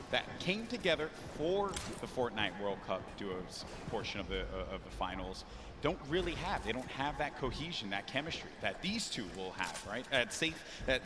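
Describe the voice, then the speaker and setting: A man commentating live on a competitive online game, mixing chatty analysis with excited calls. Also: mid-range voice, noisy background. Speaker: esports caster.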